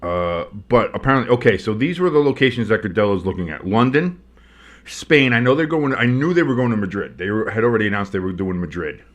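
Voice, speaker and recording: A man's voice: fairly low pitch, lively intonation, quick pace. A man with a tinny sound, recorded in a kitchen, hosting a stream with play-by-play commentary and casual, blunt, sardonic chat. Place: kitchen, not a studio.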